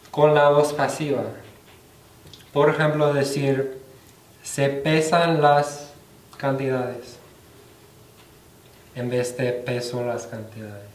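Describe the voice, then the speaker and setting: A young man from the United States, giving a class presentation in a slow, careful learner's delivery with pauses. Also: fairly high pitch, a little mellow, distant mic. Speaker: student presenter. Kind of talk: class presentation on Spanish slang. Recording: roomy echo, voice from off the mic.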